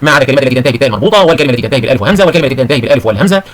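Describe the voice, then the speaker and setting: A man's voice: mid-range voice, animated, rapid-fire. A man teaching a grammar lesson to children, calling them his sons and daughters and explaining each point step by step. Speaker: Arabic teacher.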